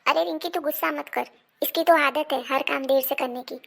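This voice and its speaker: A woman's voice: sits high, fairly even intonation, normal speed, gravelly, a bit bright. A woman playing a strict, middle-aged mother-in-law who scolds her daughter-in-law and takes her own daughter's side in an amateur family drama. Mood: coaxing. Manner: scolding, commanding.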